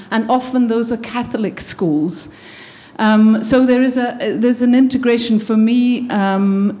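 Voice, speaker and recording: A woman's voice: mid-range voice, warm tone. A woman from Belgium giving an earnest faith-based talk on education, with frequent ums and restarts. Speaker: guest speaker.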